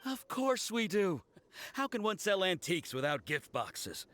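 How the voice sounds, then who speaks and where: A man voicing a courteous male antique supplier in a game cutscene, measured and salesman-like. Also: high voice, very animated, a bit bright, a little hiss or hum, full character voice. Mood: salesy. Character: grateful male antique supplier, polite merchant.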